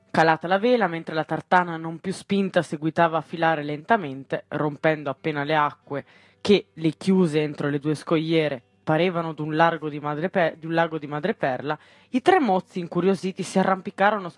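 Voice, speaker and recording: A man with a somewhat high voice reads a literary short story aloud. The sound is dry and close, with no room around it. He often trips on a word and starts it again. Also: dry recording. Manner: stumbles and corrects himself mid-word. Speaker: reader.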